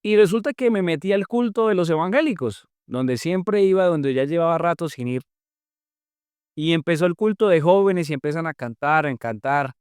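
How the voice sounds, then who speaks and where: A young man tells his conversion story as a podcast guest, in a fairly high, smooth and clear voice. He speaks earnestly and with feeling, stretching out his pauses. The sound is close and dry. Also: lively intonation, darkish tone, dry recording. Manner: earnest, emotional retelling with drawn-out pauses. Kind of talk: personal faith testimony storytelling.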